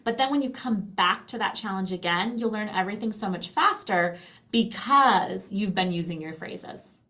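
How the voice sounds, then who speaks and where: This is a casual explanatory demo of a language program by a middle-aged American woman who serves as presenter and guest. Her mid-range voice is animated, bright and forceful at a moderate pace, yet her manner stays chatty and encouraging.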